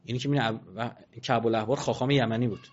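A man giving a religious talk, slowly reciting verses and swinging from quiet asides to loud, emphatic passages. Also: mid-range voice, steady tone, highs cut off. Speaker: preacher.

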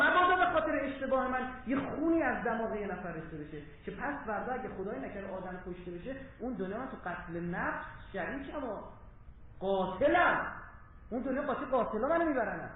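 A man giving an impassioned public lecture in a hall, swinging between loud urging and low asides. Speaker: religious lecturer. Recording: very echoey hall, tinny phone-like sound, faint hiss.

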